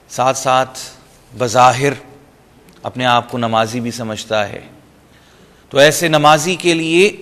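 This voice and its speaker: A man teaching Quran reading, explaining rules patiently step by step. He mixes in English terms and recites short Arabic phrases slowly between explanations. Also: medium pitch, fairly bright tone, big-room sound. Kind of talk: explanatory lesson.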